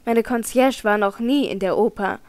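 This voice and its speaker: A woman reading as a brisk, self-assured male opera director. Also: fairly high pitch, clear, resonant tone, no room sound, close to an everyday voice. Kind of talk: audiobook character reading.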